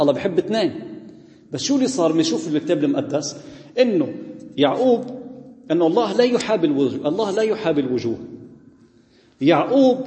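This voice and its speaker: A man with a Lebanese Arabic accent delivers a Bible study sermon in a high, quick voice. He talks in an animated way and keeps putting rhetorical questions to the congregation. A long hall reverb trails after his words. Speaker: preacher.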